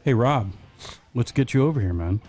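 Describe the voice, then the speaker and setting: A podcast co-host on a webcam setup jokes, rambles and lists things off in a casual chat. His voice is medium-pitched and a little mellow, expressive, at normal speed.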